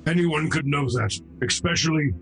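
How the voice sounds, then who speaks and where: A man's voice: a little high, normal speed, vocal fry, soft background music, voice pushed up. A man playing a guarded, defiant nineteen-year-old mortal in tabletop role-play.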